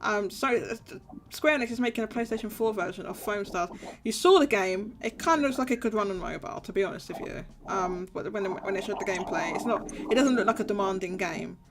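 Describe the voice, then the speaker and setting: A woman's voice: medium pitch, brisk, a little hiss or hum. A woman co-hosting a gaming podcast, talking in casual chat and repeating herself emphatically when worked up. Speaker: podcast co-host.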